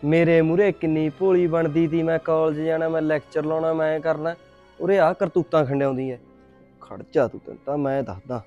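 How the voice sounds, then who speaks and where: Man playing threatening vengeful man, loud and scornful, a bit high-pitched, muffled recording. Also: moderate pace, pauses often, soft background music, natural voice. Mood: angry, scheming. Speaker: vengeful man spying on the heroine. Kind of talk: short film acting.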